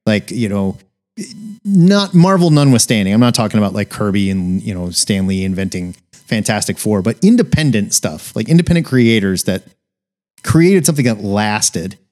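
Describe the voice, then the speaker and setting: Chatting casually on a podcast where he reviews comics, a forty-something American man co-host speaks emphatically and informally. His voice is on the low side, expressive and a little mellow, at a moderate pace.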